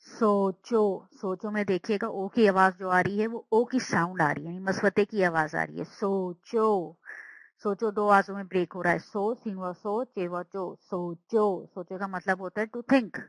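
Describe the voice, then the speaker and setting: A woman teacher giving a slow, patient language lesson, sounding out words and repeating them. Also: medium pitch, steady tone, no room sound, low-quality recording.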